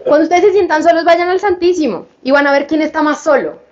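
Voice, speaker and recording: High-voiced woman preaching with fervor. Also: quick pace, muffled recording. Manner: fervent, addresses listeners directly with questions. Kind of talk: sermon at a healing retreat.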